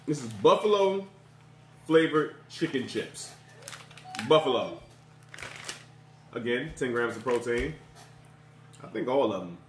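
A man's voice: medium pitch, lively intonation, takes it slowly, pauses often, slight background noise. A man hosting a casual food review taste test at home, chatty and teasing. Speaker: video host. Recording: echoey room.

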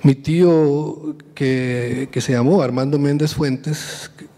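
A man, giving a public lecture on a handheld mic in an earnest, halting way, often repeating words. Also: on the high side, fairly even intonation, mellow, in a large hall. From Honduras. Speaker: lecturer, historian. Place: small gallery room with audience.

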